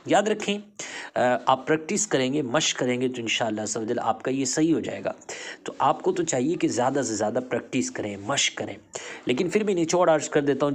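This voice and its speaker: A patient male teacher in a recorded online lesson, voice at an ordinary middle pitch. He spells out letter sounds slowly, one at a time, and keeps cheering the learner on to practise. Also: a little mellow, breathy edge. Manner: encouraging, praises the learner. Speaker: Quran reading teacher.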